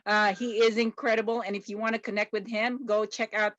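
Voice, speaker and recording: A woman's voice: medium pitch, flat delivery, fairly quick, fairly bright tone, dry recording, muffled recording. A woman from the Philippines hosting an interview, enthusiastic and effusive with praise. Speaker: interview host. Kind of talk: casual interview conversation.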